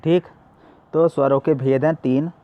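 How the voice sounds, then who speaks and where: A man's voice: on the high side, steady tone, a little slow, narrow, tinny audio. A male teacher giving a classroom lesson, asking questions and answering them himself.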